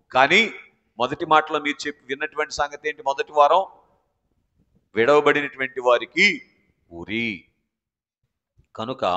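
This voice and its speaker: A man's voice: mid-range voice, a bit bright. A man with a Telugu accent preaching a sermon with emphasis, often calling out to the congregation for responses. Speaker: pastor. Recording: muffled sermon audio with long hall reverb.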